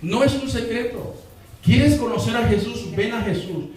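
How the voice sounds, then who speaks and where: A man's voice: extremely high pitch, lively intonation, moderate pace, crowd noise. A male pastor preaching a sermon, repeating his key lines and calling on the congregation to answer. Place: church sanctuary. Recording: echoey hall, voice from far off the mic.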